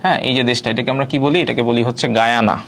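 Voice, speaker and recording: A man's voice: medium pitch, steady tone, fast talker, vocal fry, slight background noise. A man teaching an online quiz class, repeating each question and prompting viewers to answer.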